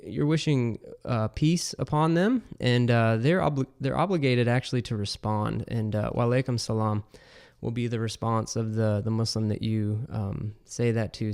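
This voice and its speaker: A man with a smooth, resonant voice at an ordinary middle pitch, hosting a casual podcast discussion. He explains things conversationally and leans on "um" and "uh" as he goes. His tone stays relaxed and easy to follow. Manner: conversational and explanatory, with frequent fillers.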